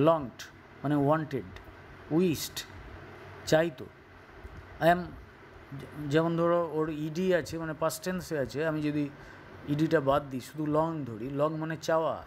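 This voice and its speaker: A Bengali-accented male teacher working through a textbook page for students, his pitch sitting a little high. He talks in an unhurried, drawn-out way, with a faint hiss behind the voice. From West Bengal, India. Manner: explains word meanings slowly, mixing English and Bengali. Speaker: school English teacher. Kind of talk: recorded online class lesson.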